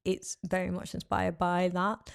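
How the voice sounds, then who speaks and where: A woman's voice: fairly low pitch, completely flat delivery, a little slow, gravelly, clear, resonant tone. A woman guest on a podcast, chatting casually about burlesque history, laughing often. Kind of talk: casual chat.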